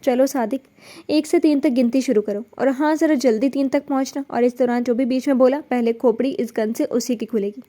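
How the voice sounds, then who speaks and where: A woman's voice: high voice, mellow, natural voice. A woman reading a storybook, voicing a ruthless male boss who gives threatening orders. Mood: menacing. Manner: threatening, commanding. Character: ruthless male gang boss, cold and menacing.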